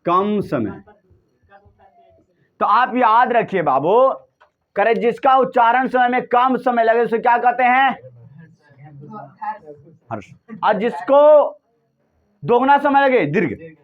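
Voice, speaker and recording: Male teacher, high and animated voice, quizzes the class over and over. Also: slow pace, pauses often, narrow, tinny audio. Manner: drills students with repeated questions. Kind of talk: classroom lesson.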